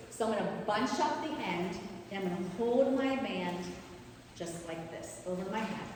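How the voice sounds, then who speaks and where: A woman's voice: on the high side, a little mellow. A woman instructing an exercise class, giving short, directive cues and counting out repetitions. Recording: echoey hall, distant mic, noisy background.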